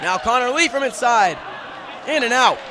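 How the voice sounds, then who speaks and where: A man calling live basketball play-by-play in a crowded school gym, with rapid, clipped calls shouted over the crowd. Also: very high voice, lively intonation. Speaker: play-by-play announcer. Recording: loud gym crowd and noise.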